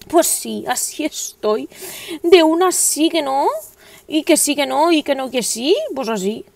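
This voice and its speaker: Woman in her forties, crochet vlogger, gravelly, chatty, rambling. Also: high-pitched, expressive, slow pace, long pauses, dry recording. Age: 40s. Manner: chatty, rambling and self-mocking. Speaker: crochet channel host. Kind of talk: casual chat while crocheting.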